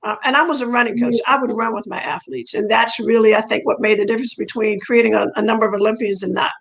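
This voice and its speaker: A middle-aged track coach whose first language is French tells her story as an interview guest, chatty and rambling, repeating phrases for emphasis. Her voice is a little high with vocal fry, fairly even in intonation, and fast.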